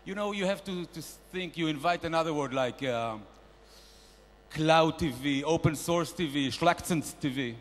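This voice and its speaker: A comedian plays a boastful shark-style investor in a stand-up bit at a conference panel, pushy and loud as he barks mock-grand business advice. He speaks at a normal speed in a natural voice, and the huge hall adds reverb.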